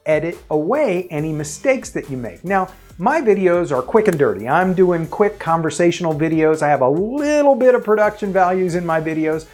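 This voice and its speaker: A man's voice: fairly high pitch, a little mellow. A man giving tips in a casual, plain-spoken on-camera tutorial, recorded on his own camera, with occasional fillers. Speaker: video presenter giving tips. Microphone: self-recorded on his own camera.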